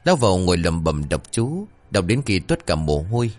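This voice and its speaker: A man with a deep voice narrating a spooky comic tale. His delivery swings widely in pitch and stays dramatic, with faint music underneath. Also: very animated, a little fast, darkish tone. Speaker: storyteller. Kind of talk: scripted horror-comedy narration.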